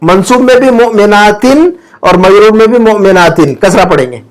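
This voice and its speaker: A man's voice: high voice, animated, normal speed. A man teaching an Arabic grammar class from home, patiently drilling word endings and quizzing his students.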